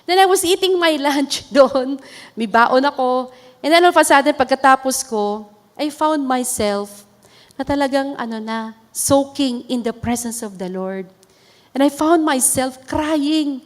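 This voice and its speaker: A woman pastor with a Filipino accent giving an earnest sermon testimony, switching between English and Tagalog and laughing softly now and then. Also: high voice, measured pace. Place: church hall. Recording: long reverb of a hall.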